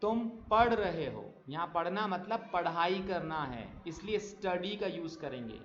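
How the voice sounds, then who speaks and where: A man teaching spoken English, reading example sentences slowly and clearly with quick explanations in between. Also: sits high, lively intonation, fairly bright tone, slight background noise. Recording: echoey, dull lo-fi room sound.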